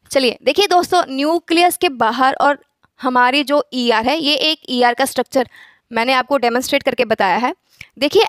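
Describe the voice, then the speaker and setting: Teacher, woman, high voice, dry close sound, quizzes herself as she explains. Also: fairly bright tone, no echo. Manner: asks rhetorical questions and answers them herself; mixes English phrases into speech. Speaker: biology teacher. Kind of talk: classroom lecture.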